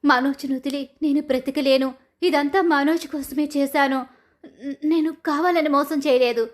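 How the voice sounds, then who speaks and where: A woman's voice: high voice, fairly even intonation, normal speed, close to an everyday voice. A woman voicing a stammering, pleading young wife. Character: frightened young daughter-in-law caught lying.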